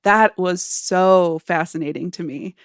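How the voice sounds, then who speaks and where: A woman's voice: lowish voice, a little slow, clean tone, no echo. Enthusiastic woman on a dry mic. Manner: enthusiastic, laughs often. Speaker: podcast co-host. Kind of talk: casual film discussion.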